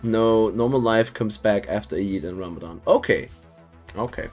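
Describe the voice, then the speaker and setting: A man's voice: lowish voice, normal speed, a little mellow, soft background music. A man casually chatting with viewers while streaming a game, loose and talkative, swearing and laughing now and then.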